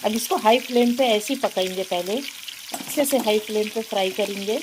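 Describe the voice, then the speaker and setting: Chatty Hyderabadi home cook, kitchen noise. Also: female voice, medium pitch, brisk. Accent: Hyderabadi Hindi-Urdu. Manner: chatty, explains each step with repeated words. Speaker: home cooking vlogger. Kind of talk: casual cooking voice-over. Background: frying and sizzling.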